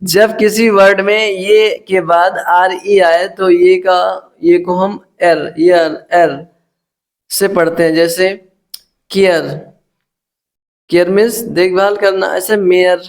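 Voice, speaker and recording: A man's voice: sits high, steady tone, slow pace. A man teaching English pronunciation rules in Hindi, spelling words letter by letter and repeating each word as he addresses viewers as friends. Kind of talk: spoken phonics lesson.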